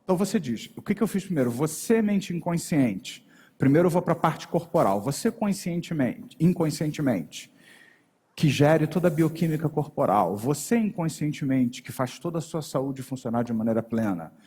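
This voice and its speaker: A Brazilian man teaching a live workshop from a stage, lively and shifting his intonation as he talks straight to the audience. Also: a little high, moderate pace, husky. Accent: Brazilian Portuguese. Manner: animated, shifts intonation to address the audience directly. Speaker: NLP and hypnosis trainer. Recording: long hall reverb on a stage voice.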